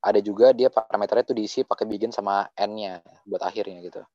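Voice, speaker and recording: A man's voice: on the low side, fairly even intonation, fast talker, dark tone, no echo. A young man teaching assistant casually adding tips and inviting questions in an online coding tutorial. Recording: dry, dull lo-fi mic.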